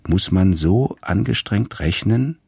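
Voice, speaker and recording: A man reading a radio story aloud in a calm, measured storytelling manner. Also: lowish voice, vocal fry, slightly rough, dry recording. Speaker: narrator.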